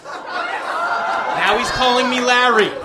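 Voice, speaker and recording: A man's voice: very high voice, wildly swooping pitch, slow, crowd noise. A man doing a stand-up comedy set, telling a story and acting out both sides of a phone prank. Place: comedy club stage. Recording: live club recording, audience laughter and noise.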